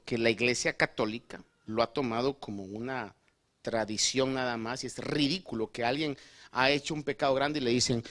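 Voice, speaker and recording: Animated bright-voiced male pastor preaching. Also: medium pitch. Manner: animated, acts out quotes, addresses listeners as "hermano". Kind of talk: sermon with storytelling. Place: church in Long Island, New York.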